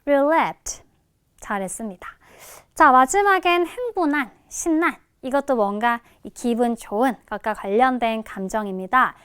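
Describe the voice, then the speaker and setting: Smooth-voiced female English teacher. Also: on the high side, animated, fairly bright tone, no echo, studio quality. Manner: addresses students as kids, models pronunciation slowly. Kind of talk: recorded online lecture.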